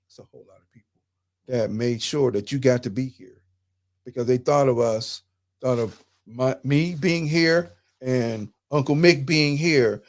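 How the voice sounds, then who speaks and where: A man with hosts a live talk, walking through slides. His lecturing is loose and conversational but turns emphatic as he drives his points home. His voice sits at an everyday middle pitch. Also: darkish tone. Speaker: host.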